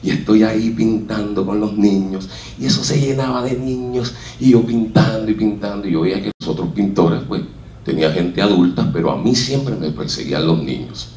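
A man's voice: fairly low pitch, normal speed, darkish tone, slight background noise. A Puerto Rican man with a Puerto Rican Spanish accent, telling his life story on stage and acting out what others said. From Puerto Rico. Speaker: speaker at a talk. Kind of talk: personal storytelling talk. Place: stage in a hall with an audience. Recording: echoey hall, voice from a distance.

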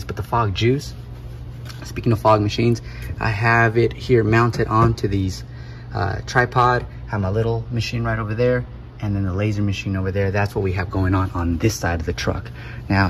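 Outdoors by a vehicle, a man with a fairly low voice loads equipment while vlogging about his photo booth business. He talks to camera casually and energetically, playfully hyping himself up, with slight background noise.

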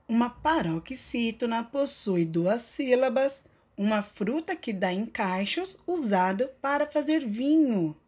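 A woman's voice: fairly high pitch, darkish tone, breathy edge. A woman narrating a scripted grammar lesson as a teacher, stretching out key words.

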